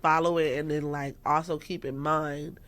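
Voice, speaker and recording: Low-voiced and moderately paced, this woman in her thirties is a musician being interviewed on a relaxed podcast. She speaks openly and laughs a lot. Animatedly, she reenacts what others told her, raising her voice when quoting herself.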